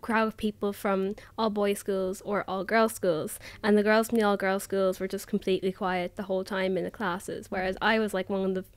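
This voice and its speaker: A woman's voice: medium pitch, flat delivery, moderate pace, few pauses, no room sound. Chatty Irish girl of nineteen, dry sound. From Ireland. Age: teens. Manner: chatty, uses "like" often. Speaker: roundtable guest, student. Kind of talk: casual discussion.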